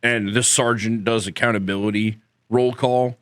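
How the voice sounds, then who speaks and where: A man's voice: medium pitch, fairly even intonation, normal speed, fairly bright tone, no room sound. A man co-hosting a podcast, a laid-back, self-mocking storyteller on a close mic. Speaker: podcast co-host. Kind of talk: casual chat, anecdotes.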